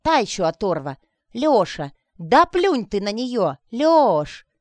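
A woman reading an audiobook voices a know-it-all old grandmother who scolds and gossips loudly. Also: very animated, slow, no room sound. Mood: scolding. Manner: loud, scolding, shrill.

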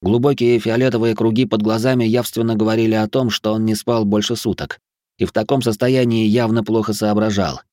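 A man's voice: on the low side, level tone, a little fast, dark tone, no echo. A man narrating a first-person audiobook with a tense, urgent delivery, close to the mic.

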